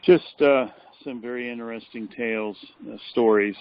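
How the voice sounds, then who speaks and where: A tired man on a phone call, reporting on a meeting in a flat, hesitant way with many fillers. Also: mid-range voice, moderate pace, no room sound. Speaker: caller giving a meeting report. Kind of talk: casual chat. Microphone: telephone. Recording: dull phone line.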